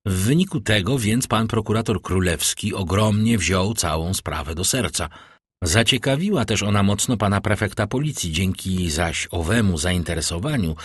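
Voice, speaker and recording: A man reading an audiobook, voicing a worldly, grand count in a husky voice. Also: lowish voice, dry recording, clean studio sound.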